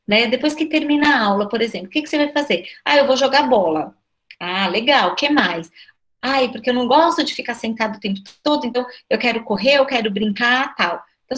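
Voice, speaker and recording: A Brazilian woman who runs a school, talking to a group of educators on a video call, full of rhetorical questions. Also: on the high side. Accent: Brazilian Portuguese. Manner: lively, asks many rhetorical questions, frequent "né?". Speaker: school director speaking at an online educators' meeting.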